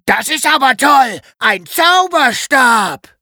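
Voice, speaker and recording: A man's voice: very high voice, slow pace, vocal fry, sharp tone, no echo, clean studio sound, voice pushed up, heavily acted. Mo, a man doing a childlike little bear. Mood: excited. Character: Mo, a small bear boy, quick to anger.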